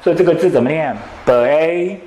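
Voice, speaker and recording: Male teacher, quizzing his class in call-and-response, a bit higher-pitched, echoey room sound. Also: a little mellow. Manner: drills students with quick questions. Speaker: English teacher. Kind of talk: classroom lecture.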